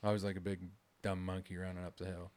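A man's voice: low-pitched, flat delivery, fast, crowd noise. A man in his forties, co-hosting a casual chat, joking and ribbing his wife. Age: 40s. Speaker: podcast co-host.

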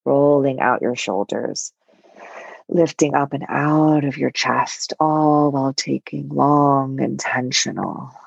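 Woman, soft soothing meditation guide, unhurried, breathy near-whisper, creaky, dry muffled recording. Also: a bass voice, fairly even intonation, dry recording. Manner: soft, soothing, long pauses.

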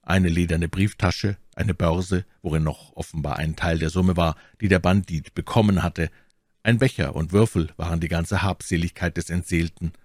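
A man narrating a classic adventure novel as an audiobook, in a measured, dramatic way. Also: low voice, steady tone, darkish tone, dry recording, clean studio sound.

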